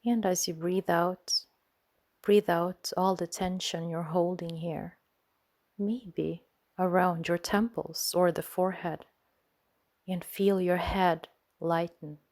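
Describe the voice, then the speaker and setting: A woman with a lowish voice and fairly even intonation guides a sleep meditation. She sounds soothing and gentle, using short phrases separated by unhurried pauses.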